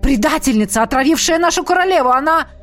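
A woman's voice: sits high, lively intonation, quick pace, faint music behind, voice pushed up. A woman playing an enraged male accuser. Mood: furious. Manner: angry, hateful shouting. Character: furious male fairy accuser.

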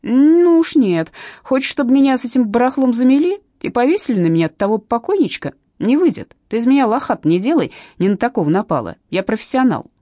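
A woman's voice: on the low side, expressive, a little fast, warm tone, no room sound, studio quality. A woman voicing a shifty, thin male crook who hisses crude threats in an audiobook. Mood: angry hissing. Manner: hissing, snarling threats.

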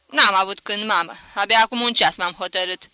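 A woman voicing a burly, newly married young man who shouts loudly and excitedly in a storybook reading. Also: sits high, no echo, pitched above the performer's own voice, full character voice. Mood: eager.

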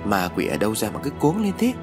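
A man's voice: lowish voice, wildly swooping pitch, fast talker, over music. Man doing a stern scolding father. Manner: scolding, curt.

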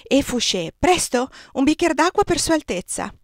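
A woman's voice: high voice, sing-song, normal speed, no room sound, clean studio sound, pitched above the performer's own voice. Brief: fussy, solicitous noblewoman, read by a woman, storybook reading. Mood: anxious.

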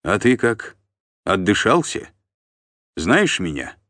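A man doing a stern, low-voiced warlord. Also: very animated, slow, a bit bright, no room sound, exaggerated voice. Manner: stern, low-key, menacing. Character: stern, calm male warlord.

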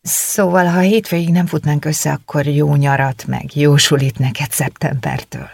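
Audiobook: a reader playing a flustered, earnest schoolgirl, raspy, dry sound. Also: medium pitch, expressive, no echo. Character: shy, earnest teenage girl.

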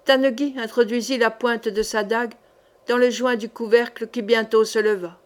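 A woman reading a historical novel aloud with measured, even narration. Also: a little high. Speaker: audiobook reader.

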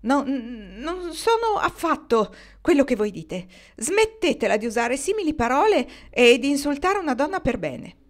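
Woman voicing a shrill, indignant frontier matron. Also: sing-song, moderate pace, few pauses. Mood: outraged. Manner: shrill, outraged scolding. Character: indignant prim middle-aged frontier wife.

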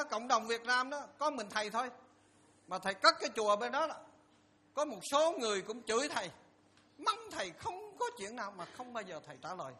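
An older Buddhist monk delivers a dharma talk as a joking storyteller. His voice sits high for a man and sounds bright and forward, and he keeps turning to address the audience directly.

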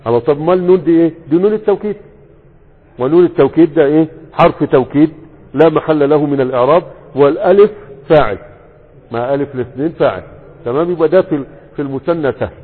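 A man with an Egyptian Arabic accent gives a lesson on grammar, and his voice sits slightly high with some husk in it. He quizzes the listeners and then answers his own questions, lingering over each example word. The recording is tinny and narrow, and long reverb rings behind him as if in a large hall. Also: breathy edge. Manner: asks questions and answers them himself, drawls example words slowly. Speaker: sheikh teaching Arabic morphology. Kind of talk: classroom lesson. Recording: phone-like sound with long reverb.

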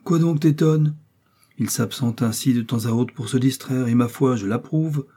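A man's voice: medium pitch, moderate pace, mellow, slightly rough, voice pushed up, lightly acted. A man reading aloud, voicing an anxious, devoted husband who is a country doctor, speaking in raised, urgent tones. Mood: chatty.

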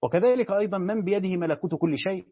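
Egyptian male teacher, fairly high voice, quick explanatory delivery, muffled dry lo-fi sound. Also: husky, no room sound. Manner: explanatory, asks and answers his own questions. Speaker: Quran commentary teacher. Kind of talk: colloquial Egyptian lecture on Quran exegesis. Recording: dull, dry lo-fi recording.

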